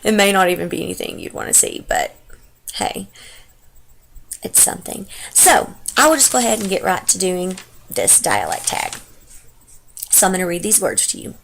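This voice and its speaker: Recorded at low quality on her computer's webcam mic, a young woman with a heavy Texas accent, a stay-at-home mom vlogger, chats off the cuff at home, partly in the living room, rambling with many fillers. Her voice is on the low side and sing-song, with vocal fry, a moderate pace and long pauses.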